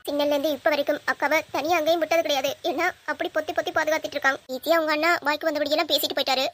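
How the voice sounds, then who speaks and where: A high, quick voice: a woman acting out a young sister near tears, pleading and reproachful as she defends her brother. The lines race along in an earnest, wounded rush. Amateur audio drama. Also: fairly bright tone. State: tearful.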